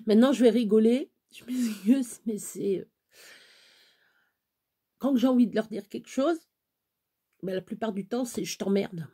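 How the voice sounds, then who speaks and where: A French crafting vlogger in her forties chats casually to camera in a medium-pitched, mellow, husky voice. She talks to her viewers in a blunt, earthy way, swinging between laughter and tears.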